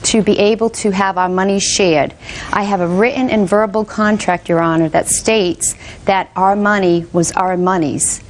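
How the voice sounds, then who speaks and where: A woman's voice: mid-range voice, steady tone, normal speed, slight background noise. A woman giving firm, formal testimony as a defendant in a television court.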